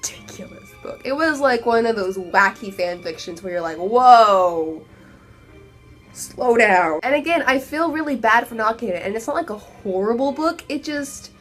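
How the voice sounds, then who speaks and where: Hoarse Texan woman ranting about a book. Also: on the high side, a little fast, few pauses, faint music behind. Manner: animated, exasperated, laughing asides. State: hoarse, losing her voice. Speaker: book reviewer. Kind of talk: casual video review rant.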